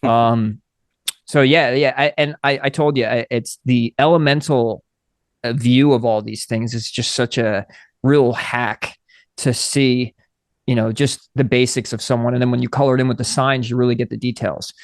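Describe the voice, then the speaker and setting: Male podcast co-host, mid pitch, close and dry sound, relaxed conversational delivery. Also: moderate pace, dry recording. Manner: conversational, reads book excerpts aloud. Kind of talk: casual astrology chat.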